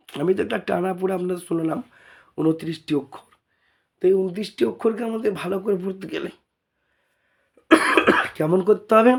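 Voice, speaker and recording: A man from India with a Bengali accent teaching Arabic letters, repeating each sound several times in a slow spoken lesson. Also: sits high, gravelly, a little mellow, slightly rough.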